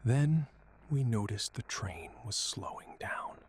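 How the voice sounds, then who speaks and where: Guy whispering a creepy bedtime story, deep hushed voice, drags it out slow. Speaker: horror story narrator. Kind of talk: whispered narration.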